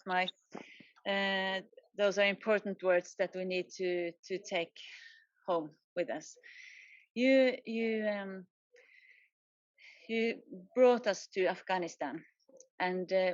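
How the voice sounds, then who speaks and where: A woman's voice: medium pitch, no room sound. A woman moderator introduces the next guest, repeating words as she goes. Her audio is dry and muffled. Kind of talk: introducing speakers.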